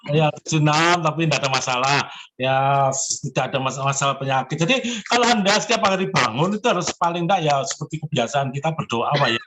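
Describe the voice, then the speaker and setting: A man in his seventies with a fairly high voice, giving emphatic, encouraging personal readings. A faint hiss of noise sits behind him. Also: brisk. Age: 70s. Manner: encouraging and emphatic, often addresses the listener as sir. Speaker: zodiac fortune consultant.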